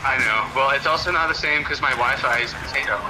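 A man's voice: mid-range voice, quick pace. Young guy drunk on the phone, cocky and sweary, noisy street behind him. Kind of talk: casual drunken phone chat. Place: outdoors on a city street. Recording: noisy phone call with background ambience.

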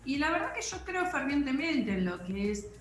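A woman's voice: sits high, sing-song, normal speed, echoey room. A woman with a Rioplatense accent, a guest on a TV talk show, speaking earnestly and at length. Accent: Rioplatense Spanish. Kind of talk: casual TV panel chat.

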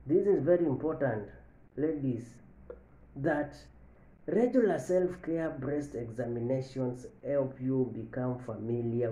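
A man in his thirties giving a health lesson to camera from an office, slowly repeating each point and stressing the key lines. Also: mid-range voice, warm tone. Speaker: medical educator. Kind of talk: health education talk to camera. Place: office with large window, indoors. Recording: echoey room.

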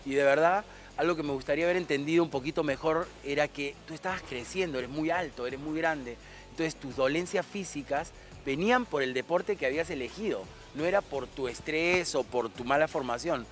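A man's voice: on the high side, a little fast, soft background music. A man from Argentina in his fifties, a guest talking reflectively and rambling a little, recorded outdoors on a tennis court with a handheld mic. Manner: reflective, warm-hearted, rambling with restarts. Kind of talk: relaxed outdoor interview chat. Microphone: handheld microphone.

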